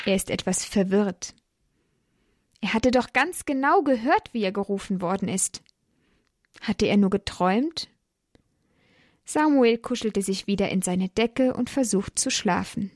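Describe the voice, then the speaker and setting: Slow, gentle woman telling a Bible story. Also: mid-range voice, no echo, studio quality. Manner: gentle, addresses the listener directly. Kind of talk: children's Bible story narration.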